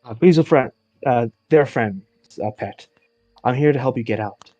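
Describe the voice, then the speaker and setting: A man's voice: mid-range voice, normal speed, darkish tone, no echo, highs cut off, faint music behind. A man playing a tabletop game over an online call, chatty and rambling. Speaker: player. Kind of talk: casual tabletop role-play.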